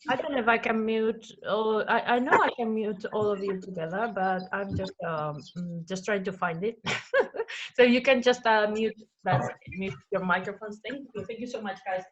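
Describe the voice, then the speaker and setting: A woman's voice: medium pitch, moderate pace, a little hiss or hum. A woman teaching an online flamenco class, chatty and encouraging as she counts out the steps. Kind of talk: online dance class instruction. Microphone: laptop mic on a video call. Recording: roomy, distant, lo-fi video call audio.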